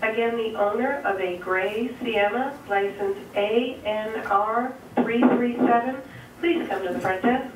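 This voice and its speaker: A woman at a front desk making a polite public address announcement over a loudspeaker, measured and repeating her request. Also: fairly high pitch. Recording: echoey, distant loudspeaker with faint noise.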